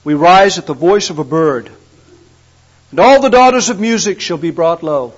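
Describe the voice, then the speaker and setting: Older male preacher, high-pitched, homespun humor, muffled lo-fi sound. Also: expressive, normal speed. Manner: folksy storytelling with humor. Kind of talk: sermon. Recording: dull lo-fi recording.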